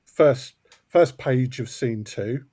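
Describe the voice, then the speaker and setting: Speaking slowly in a mellow, mid-range voice, a man who co-creates and produces audio dramas talks through his production work as an interview guest. His tone is conversational, and there's no echo.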